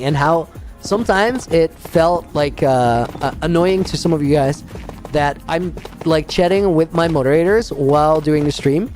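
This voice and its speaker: A man's voice: fairly high pitch, darkish tone. A man streaming a game, chatting casually with viewers, rambling and laughing often while reading out names. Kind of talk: casual livestream chat while playing a game.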